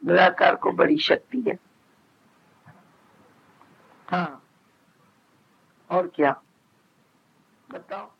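A man's voice: sits high, lively intonation, slow pace, creaky, husky, dull audio. A man giving a spiritual discourse, talking conversationally and acting out little dialogues between family members. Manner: conversational preaching, quoting others in dialogue. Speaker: spiritual teacher. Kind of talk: satsang discourse.

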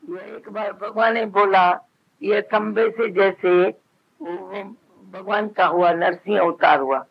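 A man's voice: sits high, steady tone, slow, vocal fry, husky, lo-fi sound. A man giving a spiritual discourse, talking conversationally and acting out little dialogues between family members. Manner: conversational preaching, quoting others in dialogue. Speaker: spiritual teacher. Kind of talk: satsang discourse.

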